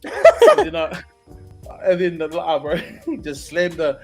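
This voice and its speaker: A man with a New Zealand accent, a youth worker co-hosting a casual livestream, animated and laughing as he tells stories. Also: sits high, takes it slowly, vocal fry, over music. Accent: New Zealand English. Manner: animated, laughing, acts out quotes. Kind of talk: casual group chat.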